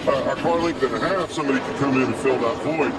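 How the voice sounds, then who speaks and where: A man's voice: medium pitch, fast, distant mic. A man giving folksy, explanatory analysis during a live car race broadcast. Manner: folksy, explains how racing works.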